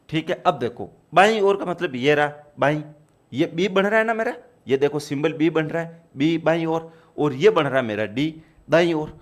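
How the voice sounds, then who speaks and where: A man teaching a computer exam-prep class, explaining step by step and repeating key points to his students. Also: on the high side.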